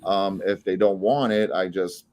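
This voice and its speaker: Costa Rican man, low-voiced, rambling. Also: a little slow. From Costa Rica. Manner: relaxed, rambling with restarts and laughs. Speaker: guest, flow artist and saber maker. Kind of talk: casual podcast interview.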